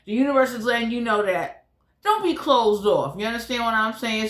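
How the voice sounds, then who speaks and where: A woman's voice: fairly high pitch, fairly bright tone. A woman hosting a casual, blunt tarot reading in colloquial speech, talking with whitening trays in her mouth. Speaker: tarot reader and channel host. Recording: echoey, roomy sound.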